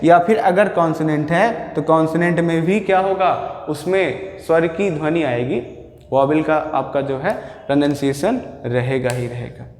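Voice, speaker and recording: High-ish guy teaching grammar to students, asks then answers his own questions, big echoey hall. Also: normal speed, a little mellow. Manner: keeps checking in with the class. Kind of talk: classroom lecture. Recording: echoey hall with long reverb.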